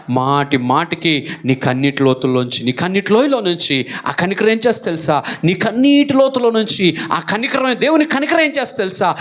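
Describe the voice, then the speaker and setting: A man preaching as pastor in a church, emphatic and repetitive, firing rhetorical questions. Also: a little high. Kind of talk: sermon.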